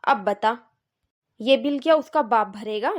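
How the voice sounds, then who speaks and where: A woman's voice: on the high side, unhurried, close to an everyday voice. A woman voicing a bossy, complaining middle-aged mother-in-law in a cartoon, nagging and scolding.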